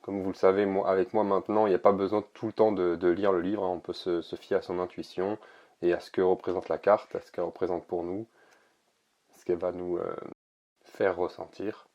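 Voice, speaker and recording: A man casually showing an oracle card deck, talking in a relaxed, hesitant way with many pauses and fillers. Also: sits low, muffled recording. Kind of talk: casual product presentation to camera.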